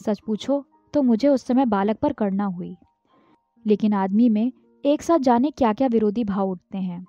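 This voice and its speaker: A woman who narrates a short story in a measured, even reading, recorded dull, dry and lo-fi. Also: mid-range voice, no echo. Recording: dull, dry, lo-fi with faint music. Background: faint background music.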